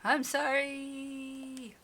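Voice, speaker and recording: A woman's voice: mid-range voice, normal speed, bright, forceful tone, pitched above the performer's own voice, natural voice. A woman voicing a timid, flustered young woman who stammers meekly. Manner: stammering, meek.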